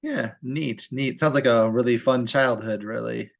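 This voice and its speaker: A man's voice: mid-range voice, measured pace, vocal fry, highs cut off. A man interviewing his mother casually, attentive, and summing up her answers back to her.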